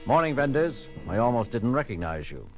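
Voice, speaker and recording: A man's voice: mid-range voice, sing-song, brisk, loud music behind the voice, close to an everyday voice. A man playing a confident, wry starship captain in a sci-fi audio drama. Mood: wry, commanding.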